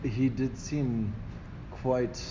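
A man narrating a tabletop game as game master, improvising in a halting way with pauses to think. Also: medium pitch, fairly even intonation. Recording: echoey hall, muffled, loud background noise.

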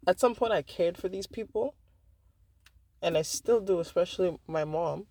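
A woman's voice: lowish voice, moderate pace, mellow, no room sound. A woman vlogger candidly telling a personal story, frank and profane, with lots of fillers and restarts.

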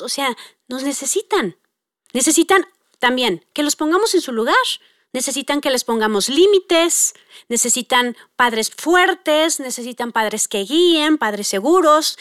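A woman's voice: high voice, dry recording, clean studio sound. A middle-aged woman talks casually about parenting, with many fillers, and acts out quoted dialogue. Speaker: parenting speaker. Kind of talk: conversational talk on parenting.

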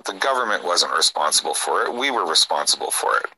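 A man's voice: deep voice, animated, fast talker, pushed and bright, slightly rough, poor audio. A middle-aged man, co-hosting a casual political talk show in an earnest, opinionated way. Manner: opinionated, earnest, sighs between points.

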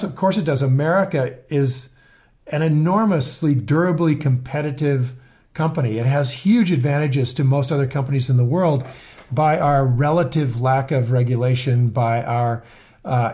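A man's voice: mid-range voice, mellow. An older man co-hosting a podcast, teaching investing in an earnest, rambling way with frequent restarts. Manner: earnest, rambling, self-correcting. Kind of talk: casual podcast chat.

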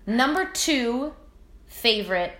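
A woman's voice: a little high, animated, takes it slowly, fairly bright tone. A woman co-hosting a podcast, chatting in a casual, laid-back way and swearing freely. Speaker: podcast co-host. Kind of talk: casual chat.

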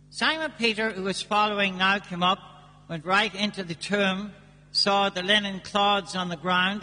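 A man speaking as a priest at Mass, reading scripture and preaching with measured, deliberate pauses in a cathedral-like echo. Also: high voice, pushed and bright. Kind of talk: liturgical reading and sermon. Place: large church during a service. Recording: long cathedral-like church echo.

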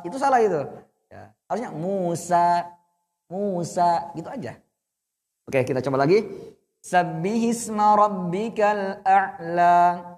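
High-voiced male Quran teacher, reverberant room. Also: lively intonation, normal speed, long pauses, warm tone. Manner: patient, corrective, demonstrates then explains. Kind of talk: teaching Quran reading to adults.

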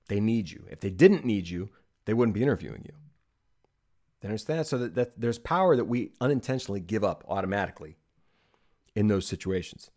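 A man's voice: on the low side, a little mellow. A man speaking as a podcast guest, giving emphatic advice in casual conversation and checking in with "okay?" and "right?".

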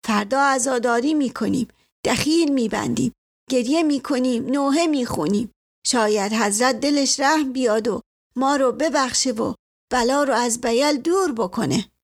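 A woman's voice: high voice, pitched above the performer's own voice. A woman voicing a stern, pious old village woman who speaks firmly.

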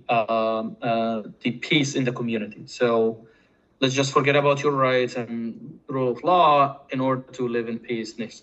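A man with an Egyptian accent talks in a forceful, bright voice at a middle pitch. He is conversational but halting, circling back over his words. The recording is slightly dull and lo-fi. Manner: hesitant, halting delivery with repeated words. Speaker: podcast guest. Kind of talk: casual conversational interview.

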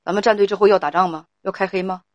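A woman's voice: medium pitch, steady tone, very fast, darkish tone, no room sound, muffled recording. A woman hosting a live call-in advice stream, firmly steering and judging a caller's family quarrel. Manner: firm, talks over the caller to steer her. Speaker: livestream advice host.

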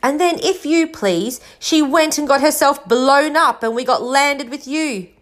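A woman's voice: mid-range voice, expressive, a little slow, fairly bright tone. A woman voicing a bitter, spiteful middle-aged aunt who rants with scorn and resentment in a storybook reading. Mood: bitter ranting. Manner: ranting, scornful.

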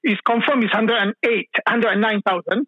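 A man's voice: high voice, fairly even intonation, normal speed, no room sound. A Singaporean man chatting casually as a guest in Singlish mixed with Malay, stammering and repeating words. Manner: Singlish, mixing English and Malay with lah particles. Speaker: guest living in London. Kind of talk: casual chat. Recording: muffled lo-fi remote call.

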